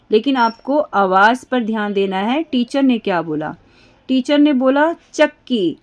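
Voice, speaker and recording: A woman teacher walking young pupils through a worksheet lesson, patiently repeating words slowly and asking them to listen closely. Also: fairly high pitch, lo-fi sound.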